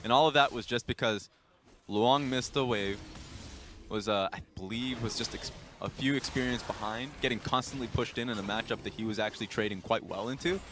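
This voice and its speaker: A man's voice: medium pitch, brisk, background noise. A man doing color commentary on a live esports match, analytical and explaining plays at length.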